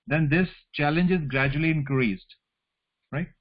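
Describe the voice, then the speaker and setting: An academic lecturer with a North Indian accent gives an informal, explanatory online lecture, often checking in with "right?" and "you know". His voice is fairly high and a little slow, and the call audio sounds slightly dull.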